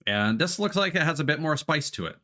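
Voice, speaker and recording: A live streamer and let's play host talks to his viewers while getting a game stream ready at his computer, using informal gamer slang, a bit of swearing, and musing out loud on a close desk microphone. He sounds on the high side, sing-song and a little fast, with a bright, forceful tone.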